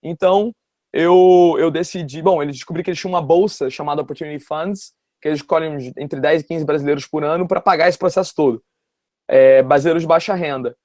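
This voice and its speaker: An early-twenties university student from Rio de Janeiro's West Zone tells his story as an interview guest, in Brazilian Portuguese with a Rio accent. His voice is slightly high and mellow, and his storytelling is casual, rambling and informal. The recording is dry, with clean studio sound.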